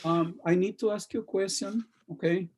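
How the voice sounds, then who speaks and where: A male teacher giving feedback on a student's speech over a video call, halting, with many restarts, and checking in with "okay?". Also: high-pitched, steady tone. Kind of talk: classroom feedback.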